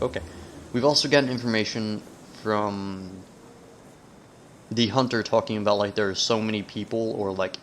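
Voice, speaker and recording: A man giving casual, rambling gaming commentary, haltingly trailing off mid-thought, with whistling S sounds. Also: on the low side. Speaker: video game let's player. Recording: noticeable background noise, sensitive mic.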